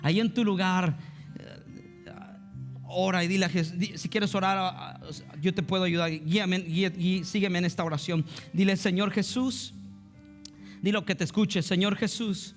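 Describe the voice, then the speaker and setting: A man's voice: high-pitched, steady tone, normal speed. A man preaching a fervent, emotive sermon as pastor at a church service. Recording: reverberant hall with soft guitar.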